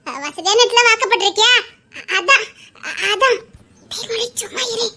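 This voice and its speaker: Performer as young woman visiting her friend, very high, bright voice, Tirunelveli accent, pleading, light noise behind. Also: normal speed, exaggerated voice. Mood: emotional. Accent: Tirunelveli Tamil.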